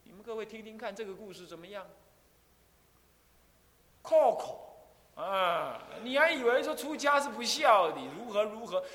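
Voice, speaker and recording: An older Buddhist abbot gives a dharma lecture in an animated storytelling manner. His voice sits high for a man and leaps about with lively pitch. A long hall reverb trails each phrase. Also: fast talker, few pauses. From Taiwan. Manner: animated, acts out voices, rhetorical questions.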